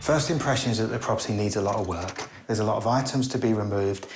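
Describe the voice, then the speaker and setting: A man's voice: fairly low pitch, fast talker. Matter-of-fact male estate agent, echoey room. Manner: matter-of-fact, listing points. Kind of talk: property appraisal. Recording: echoey room with faint music.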